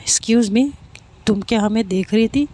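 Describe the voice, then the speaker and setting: A woman's voice: a little high, unhurried, warm tone, a little hiss or hum, lightly acted. A woman voicing a rude, argumentative young man who quarrels with strangers. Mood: irritated.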